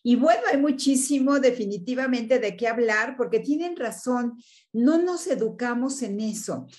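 Woman educator guest, gracious, slightly high pitch. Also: animated, moderate pace, darkish tone. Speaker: guest expert, sex educator. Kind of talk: interview.

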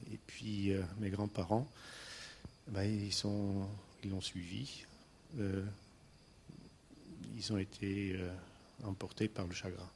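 A man from Istanbul telling his own life story on stage, hesitant with many pauses and fillers. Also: lowish voice, darkish tone, a little hiss or hum. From Istanbul, Turkey. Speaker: guest speaker.

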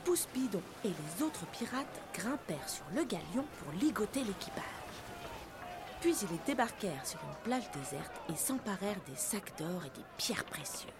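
A woman narrating a children's storybook in an expressive, lively manner. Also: mid-range voice, normal speed, over music.

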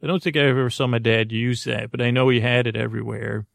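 A male podcast host with a low-to-neutral, creaky voice drifts through a meandering bedtime monologue, his thoughts halting and often left unfinished. His tone stays steady, and the close, dry sound has no room sound.

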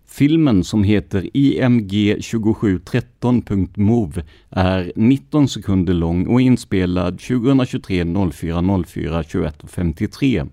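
A man hosting a true crime podcast, reading police records in a measured, scripted narration. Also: low-pitched, creaky, warm tone, dry recording, clean studio sound. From Sweden.

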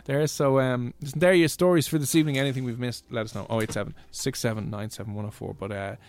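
An Irish man with a Dublin accent hosting casual radio chat in an animated, jokey, conversational way. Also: medium pitch, quick pace, clean tone. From Ireland. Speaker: radio host.

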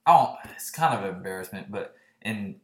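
Halting man in his late twenties. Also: on the low side, animated, a bit bright, roomy sound. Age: late 20s. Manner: halting, restarts often. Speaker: podcast co-host. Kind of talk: casual chat.

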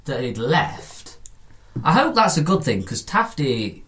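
A man chatting on a football fan podcast panel, speaking in a soft, hesitant way. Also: on the high side, sing-song, slow pace. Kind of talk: casual football fan chat.

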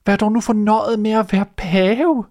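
A man voicing a poor, frightened fisherman in a fairy tale reading, pleading in a strained high voice. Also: steady tone, a little mellow. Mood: imploring.

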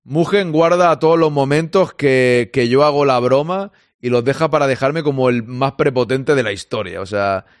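A man's voice: medium pitch, normal speed, few pauses, dry recording, studio quality. A man with a Spain Spanish accent hosting a live sports stream, chatting casually and joking as he reads out listener comments. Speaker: sports podcast host.

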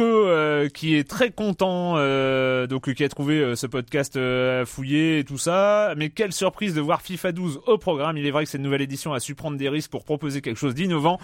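A man's voice: on the high side, no echo, clean studio sound. A man hosting a casual podcast, reading listener messages and chatting enthusiastically. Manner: enthusiastic, reads listener mail aloud. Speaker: podcast host. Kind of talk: casual chat.

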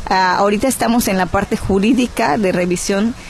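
A creaky, medium-pitched woman's voice moves a little fast: a cultural advocate from Guerrero with a Mexican accent, guesting on a radio interview. She argues earnestly and persuasively, often stalling on "eh."

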